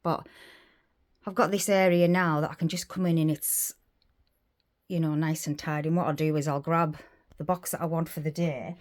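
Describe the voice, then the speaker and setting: Speaking at normal speed in a deep, steady, darkish voice, a crafting vlogger walks through her small indoor craft room. She's casual and rambling, slightly winded, listing the items she keeps there.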